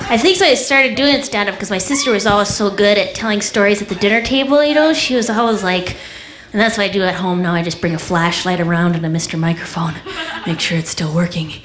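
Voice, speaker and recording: A woman's voice: mid-range voice, quick pace, a crowd in the background. A young woman comedian doing stand-up, chatty and self-deprecating.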